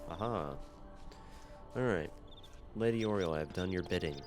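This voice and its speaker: A man's voice: low-pitched, lively intonation, normal speed. A man giving casual commentary as he hosts a video game playthrough. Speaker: gamer, playthrough host. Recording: loud game music behind voice.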